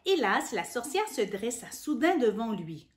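A woman with a Québécois accent, hosting a children's story hour, reading a storybook aloud in an animated, sing-song way and talking directly to the child. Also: a little high, a little slow, a little hiss or hum. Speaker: children's storyteller and channel host.

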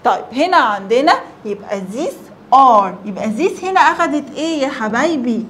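A woman's voice: sits high, lively intonation, a bit bright. A young woman with an Egyptian Arabic accent teaching English to small children, asking questions and answering them herself, stretching out the English words. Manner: coaxing, asks and answers her own questions; slow, drawn-out English words. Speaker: primary school English teacher.

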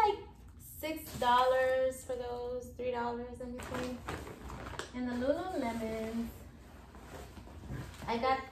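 A woman's voice: a little high, darkish tone, a little hiss or hum. A woman in her thirties casually chatting through a shopping haul in her living room, filmed by a camera across the room. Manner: chatty, showing items one by one. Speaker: vlogger. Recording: echoey room.

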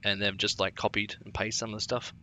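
A man's voice: on the low side, flat delivery, fast, crowd noise. A man co-hosting a casual let's play, talking in a rambling, chatty way. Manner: rambling, many fillers and restarts, chatty. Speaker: co-host. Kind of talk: casual gaming commentary.

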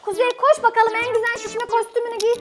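A woman's voice: very high-pitched, flat delivery, fast, crowd noise. A woman in a playful family vlog, coaxing and teasing her children as their mother. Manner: coaxing, teasing, laughs at the kids. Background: background music.

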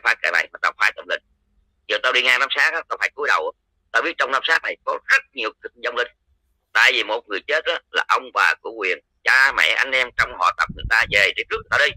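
A man's voice: medium pitch, sharp tone, no echo, rough recording. A man with a Southern Vietnamese accent, a lay follower of a religion, giving a heated, coarse, confrontational rant. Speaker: Cao Dai lay follower.

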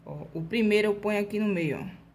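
Her voice is mid-range and a little mellow, with a bit of hiss or hum in the audio. This Brazilian woman, with a Brazilian Portuguese accent, chats through a casual nail art tutorial, slowly demonstrating each brush stroke and checking in with her viewers all the time.

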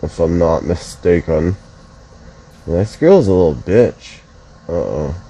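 Groggy low-voiced man playing a game. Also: lively intonation, slow pace, mellow, husky, poor audio. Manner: groggy, swearing, muttering to himself. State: just woke up, yawning. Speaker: mobile game streamer. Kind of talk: casual gameplay commentary.

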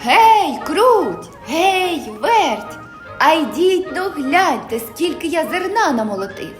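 A woman voicing a cheerful, hard-working little rooster in a children's storybook, calling out loud and bright. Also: very high voice, lively intonation, slow pace, soft background music, pitched above the performer's own voice, full character voice.

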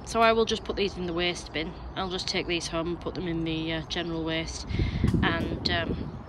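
A gardening vlogger with a low-ish, fairly flat voice talks at a normal speed while showing her work on her allotment outdoors. She's chatty, explaining as she goes in a casual walk-through, and the noisy outdoor recording picks up wind and a strimmer.

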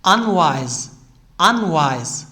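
A man with a Turkish accent reading an English vocabulary list slowly, saying each word twice and then giving its Turkish meanings. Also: on the high side, sing-song, pushed and bright. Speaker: vocabulary reader.

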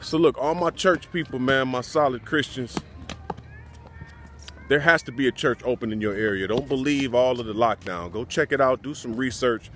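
A man's voice: medium pitch, moderate pace, fairly bright tone. A man in his forties vlogging outdoors to a phone held at arm's length, talking in an upbeat, preachy way straight to his viewers. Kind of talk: casual vlog talk to camera. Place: outdoors on a church campus and a mountain lookout.

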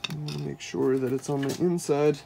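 A maker casually narrates a DIY build in a cluttered indoor home workshop, thinking aloud as he works with his hands. His voice is on the high side, creaky, fairly even in intonation and a little fast. The camera recording picks up workshop noise.

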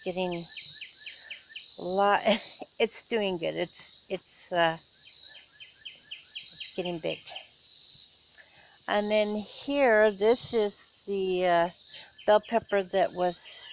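Slow-talking woman touring her backyard garden. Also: medium pitch, steady tone, noisy background. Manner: unhurried, chatty, many fillers and pauses. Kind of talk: casual garden tour narration. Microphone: handheld camera, filming as she walks. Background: faint insects and outdoor ambience.

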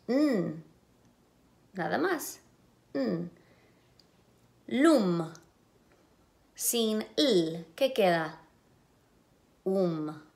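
Very slow-speaking woman teaching sounds. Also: mid-range voice. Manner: slow, clearly segmented sounds, patient prompting. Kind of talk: phonemic awareness lesson for children.

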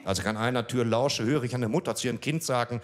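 A middle-aged man doing deadpan stand-up, telling a story read from a page into a handheld mic on a small club stage, breaking off now and then to talk to the audience. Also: mid-range voice, fast. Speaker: comedian.

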